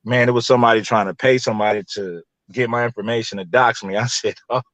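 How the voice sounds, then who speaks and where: Talking quickly at a medium pitch, this Los Angeles man sounds a bit bright, with fairly even intonation and no echo. He's a YouTube creator in his 30s or early 40s, probably late thirties, rambling casually as an interview guest and repeating himself often.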